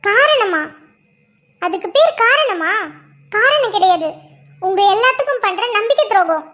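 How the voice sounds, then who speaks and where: Give me a woman playing a furious young cartoon wife with a very high voice, scornful and accusing. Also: expressive, measured pace, fairly bright tone, heavily acted. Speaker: cartoon character voice. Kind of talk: cartoon drama dialogue.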